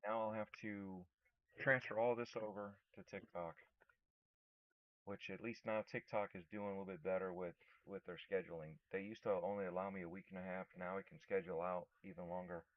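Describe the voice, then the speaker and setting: A man hosting a live stream, talking casually to himself as he works, often trailing off and mumbling into a mic placed low and off to one side. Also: fairly even intonation, fairly quick. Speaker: channel host. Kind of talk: casual live-stream talk while working. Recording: dry, phone-like narrow sound.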